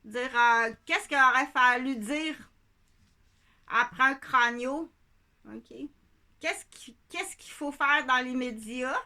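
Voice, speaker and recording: Quebec French woman, piercing bright tone, digressive monologue, keeps asking "ok?". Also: high voice, takes it slowly. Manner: digressive, repeats herself, asks "ok?" often. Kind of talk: rambling monologue.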